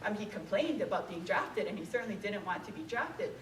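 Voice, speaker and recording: Speaking at medium pitch, quickly and expressively, this Hawaiian woman, an author and speaker, lectures an audience in a museum event room. Her relaxed delivery is full of "um"s and questions for listeners. She's recorded at a distance in a reverberant hall, with slight background noise.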